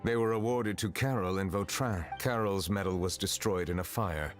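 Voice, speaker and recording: An actor playing a calm, stern chief justice in a video game, speaking in a measured, formal way. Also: male voice, low-pitched, soft background music, lightly acted. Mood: composed, formal. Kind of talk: scripted video game dialogue.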